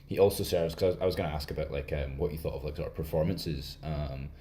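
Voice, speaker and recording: A Scottish man with a very low voice talks casually on a podcast. He pauses and restarts often, scattering fillers through his sentences. A faint hiss sits under the recording. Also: dark tone. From Scotland. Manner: hesitant, many fillers and restarts. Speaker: podcast co-host. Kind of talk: casual film discussion.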